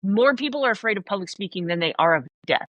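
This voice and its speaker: A leadership coach from the American South speaks quickly in a mid-range voice as a podcast guest, emphatic and blunt, acting out little scenes as she tells her stories. The recording is muffled, with no room sound.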